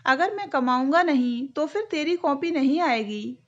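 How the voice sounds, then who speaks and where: A woman voicing a harsh, short-tempered drunken father in a storybook tale, barking gruff orders. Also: high-pitched, animated, unhurried, a bit bright, lo-fi sound. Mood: scolding. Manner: gruff scolding commands.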